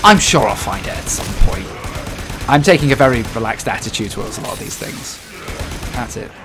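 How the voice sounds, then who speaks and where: A man's voice: medium pitch, animated, fairly quick, music in the background. A man streaming a game, chatting casually and reacting aloud to his teammates. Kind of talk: casual gameplay commentary.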